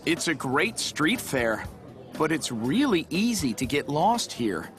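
A man's voice: a little high, very animated, takes it slowly, a bit bright, faint music behind, heavily acted. A man playing a bossy group leader. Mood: warning. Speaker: recorded dialogue voice. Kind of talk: scripted textbook audio dialogue.

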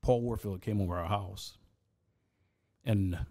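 A man's voice: lowish voice, measured pace, a little mellow. A man who is a podcast guest, telling stories from his life in a casual studio chat, earnest and often restarting with repeated words.

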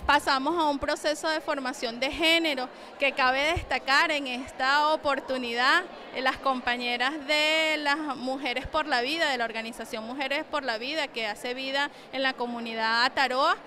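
High-voiced Venezuelan woman explaining loans. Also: normal speed. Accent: Venezuelan Spanish. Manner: steady, official-sounding explanation. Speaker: bank coordinator. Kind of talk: on-the-street interview. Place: large crowded community hall. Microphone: handheld reporter mic. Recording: music playing underneath.

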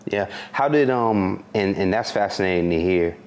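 A man hosting a casual interview, asking relaxed, meandering questions. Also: low voice, moderate pace. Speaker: interview host.

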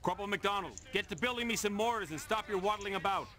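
A man's voice: sits high, fast, pushed and bright. An actor playing a brash army officer in a war game, barking mocking orders at his troops. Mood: commanding. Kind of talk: war game unit voice acting.

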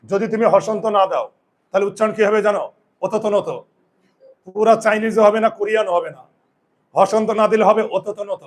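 A man's voice: high-pitched, steady tone, fast. A man teaching pronunciation, explaining step by step and often asking his students questions. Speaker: Bengali grammar teacher. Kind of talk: whiteboard pronunciation lesson.

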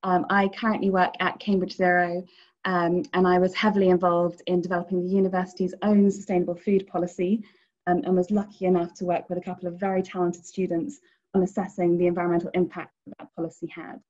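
A woman's voice: fairly low pitch, level tone, fast, darkish tone. A woman in her thirties moderating an online panel from home, friendly and hesitant with many ums. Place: living room at home. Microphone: video call, laptop camera. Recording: dull video call audio.

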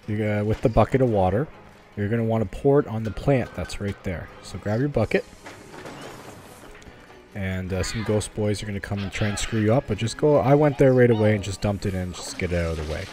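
A man hosts a casual video game guide, talking through the gameplay in a relaxed, conversational way with a little hesitancy. His voice sits on the low side and is fairly quick and mellow, with soft music playing behind him.

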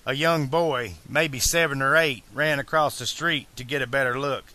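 A man reading a novel aloud as a fan audiobook narrator, in a slow, deliberate way. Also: medium pitch, fairly even intonation, bright, forceful tone.

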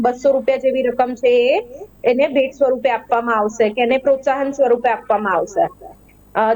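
A woman, a guest expert, explaining legal rules in a measured way with some hesitation. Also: sits high, darkish tone, low-quality recording. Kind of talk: explanatory studio discussion.

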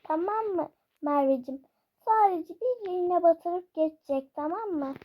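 A girl voicing a calm female doctor who coaxes a scared child before a shot, in a game role-play. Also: very high voice, unhurried, muffled recording. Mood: coaxing. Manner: coaxing, reassuring. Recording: noisy home recording.

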